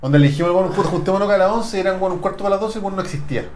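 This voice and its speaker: A man's voice: high voice, rapid-fire, darkish tone, reverberant, a little hiss or hum. A man with a Chilean accent hosting a casual podcast chat, telling rambling stories full of slang. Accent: Chilean Spanish. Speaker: podcast host.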